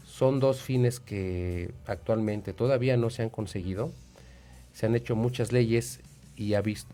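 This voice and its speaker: A man with a Mexican accent hosting an educational radio talk show, explaining in a measured way with hesitant fillers. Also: lowish voice, dark tone.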